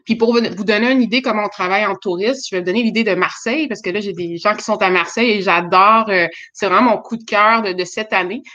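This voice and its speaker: A woman with a Quebec French accent giving an informal pitch as a start-up presenter. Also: fast talker, few pauses, pushed and bright, dull audio. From Quebec, Canada.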